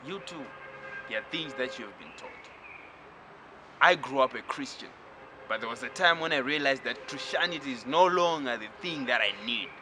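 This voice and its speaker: A man from Zimbabwe giving a spiritual lecture, talking slowly and reflectively and addressing the listener directly. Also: mid-range voice, expressive, background noise.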